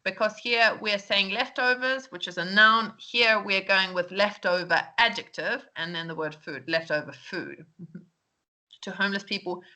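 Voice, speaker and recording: A woman's voice: medium pitch, measured pace, pushed and bright. Chatty woman teacher. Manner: chatty, lots of "um" and "okay?", laughs at herself. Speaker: English teacher. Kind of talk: recorded feedback lesson.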